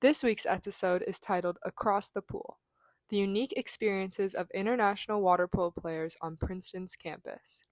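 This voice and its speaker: A woman's voice: medium pitch, moderate pace. A young woman hosting a student podcast, asking interview questions in a hesitant way with many fillers. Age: young adult. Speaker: podcast host.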